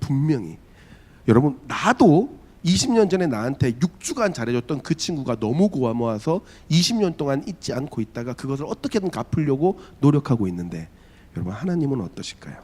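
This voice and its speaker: Pastor guy in his 40s preaching to teens, acts out quotes, voice jumps all over the place. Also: a little fast. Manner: animated, acts out quotes with big pitch jumps. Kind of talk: sermon with storytelling. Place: church.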